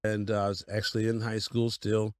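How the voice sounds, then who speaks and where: Here the same kind of guest, a fifty-something pastor from Denver, Colorado, spins folksy tales from his life and laughs easily. His voice is lowish, darkish and monotone, brisk in pace, captured in a dry, clean studio.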